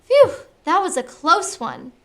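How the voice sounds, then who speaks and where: A woman's voice: very high voice, huge pitch swings, measured pace, vocal fry, fairly bright tone, heavily acted. A female performer playing a sensible, exasperated older-sister girl in a family drama. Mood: relieved, dry. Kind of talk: acted family film dialogue.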